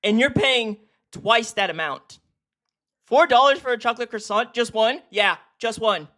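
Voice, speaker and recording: A streamer giving casual, profane reaction commentary while ranking a video series, excitable and quick to laugh. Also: medium pitch.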